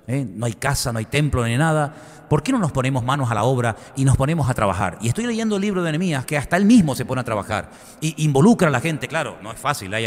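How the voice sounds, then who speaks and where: A male pastor, giving a conversational, animated sermon full of rhetorical questions. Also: medium pitch, in a large hall. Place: church.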